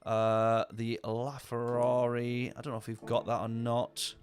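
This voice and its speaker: A man's voice: medium pitch, monotone, unhurried. A man talking casually over a racing game stream, rambling and answering viewer chat. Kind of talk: casual gameplay commentary.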